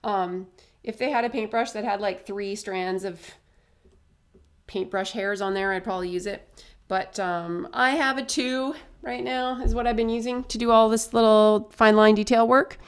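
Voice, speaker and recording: A woman's voice: medium pitch, steady tone, normal speed, smooth. Chatty woman teaching face painting. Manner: chatty, upbeat, explaining as she paints. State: slightly hoarse. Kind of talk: casual face painting tutorial.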